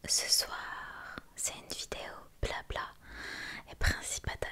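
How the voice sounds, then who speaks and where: A young woman whispers closely in a breathy voice, chatting intimately and unscripted to one listener in an ASMR style. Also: slow, bright, forceful tone. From France. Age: young adult. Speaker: ASMR creator and vlogger. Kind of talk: whispered ASMR casual chat.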